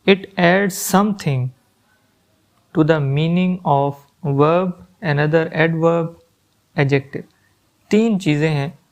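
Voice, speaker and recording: Slow, measured male grammar teacher. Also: a little high, highs cut off. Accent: Urdu-influenced Hindustani. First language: Urdu. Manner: explains slowly, reads English examples very slowly then translates. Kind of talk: grammar lesson.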